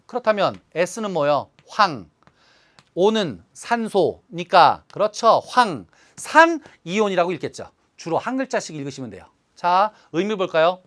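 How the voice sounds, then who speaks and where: A man's voice: sits high, a bit bright. A man teaching a chemistry lecture to students, often checking that they follow and stretching out key syllables for emphasis. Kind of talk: online lecture.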